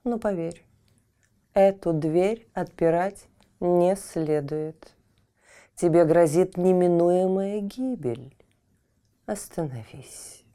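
A commanding Queen of Night from a fairy tale, put on by a woman storyteller, grave and weighty. She speaks slowly, in a low, mellow voice. Her warnings sound solemn and regal. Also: very animated, full character voice. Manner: stern and commanding, turning coaxing. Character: stern, regal Queen of Night guarding a door.

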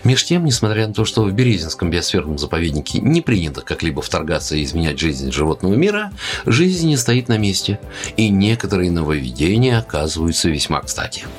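Deep-voiced male radio host, lively intonation. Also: brisk, faint music behind. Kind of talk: scripted nature programme narration.

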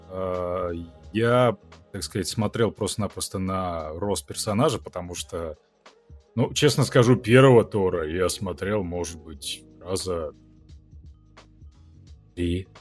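A low-pitched man chats as a guest on a podcast. He is a dubbing actor and talks in a thoughtful, halting way, letting his sentences fade out quietly. Soft music sits faintly in the background. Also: animated. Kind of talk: casual podcast chat.

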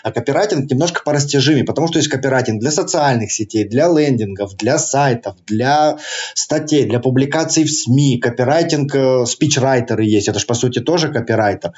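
A man's voice: medium pitch, brisk, darkish tone, dull audio. A man with a slight lisp and slushy sibilants chats casually in an interview, using slangy, joking, colloquial phrasing. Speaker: targeted-ads specialist, interview guest.

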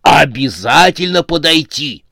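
A reserved young man who talks in a measured way, as a male narrator puts him on. The storybook reading is dry and close to the mic. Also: mid-range voice, steady tone, pushed and bright, no echo. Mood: excited. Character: reserved male horror-film fan.

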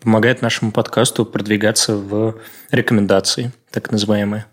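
A man in his late twenties co-hosting a casual podcast, jokey and quick, often laughing. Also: on the low side, little pitch movement. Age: 20s. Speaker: podcast co-host.

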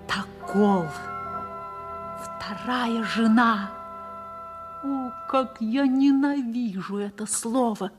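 A woman's voice: fairly high pitch, drawn-out words, pauses often. An actress playing an anguished, defiant woman telling her story in a theatrical old Soviet radio drama style of the 1960s. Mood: bitter. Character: anguished, defiant woman recounting her forced marriage at fifteen. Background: music.

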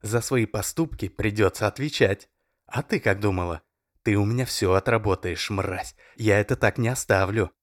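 A man's voice: on the low side, normal speed, dry recording, clean studio sound, voice pushed up, close to an everyday voice. A man doing a barking, violent young bully. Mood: furious. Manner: barking, harsh, menacing shouting.

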